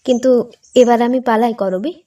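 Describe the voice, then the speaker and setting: A woman's voice: on the high side, fairly even intonation, normal speed, dark tone, far from the mic, lo-fi sound, natural voice. A woman voicing a mild-mannered young man who speaks drily and reluctantly, in a spoken storybook reading. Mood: wry.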